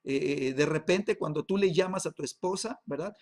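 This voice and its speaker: Pastor guy teaching bible class, kinda high gravelly voice, keeps saying "right?" and stumbling on repeats. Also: a little mellow. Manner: constant tag questions and halting repeats.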